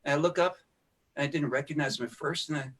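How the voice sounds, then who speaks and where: A man's voice: a little high, quick pace, a bit bright. A man guesting on a podcast, casually telling rambling stories about recording sessions and thinking aloud as he goes. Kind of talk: casual storytelling conversation.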